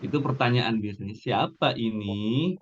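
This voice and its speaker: A man's voice: mid-range voice, measured pace. A man teaching an Arabic class online, correcting a student's intonation by modelling the phrases for him. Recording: dull lo-fi sound.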